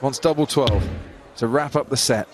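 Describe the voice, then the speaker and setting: A man's voice: mid-range voice, moderate pace, very noisy. A man giving live darts commentary in a conversational, chatty way. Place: commentary position at darts event. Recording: loud crowd behind commentary.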